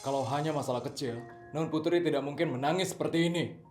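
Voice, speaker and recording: A man voicing a loyal, stern male bodyguard who speaks politely and formally in an online drama. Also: natural voice. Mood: concerned. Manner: polite, formal, low and measured. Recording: echoey room, faint music.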